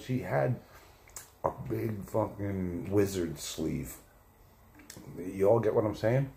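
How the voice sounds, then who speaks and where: Low gravelly man telling crude stories. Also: mellow. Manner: crude, profane and rambling; self-correcting, second-guesses details. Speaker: livestream host. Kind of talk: casual storytelling monologue. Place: home livestream setup.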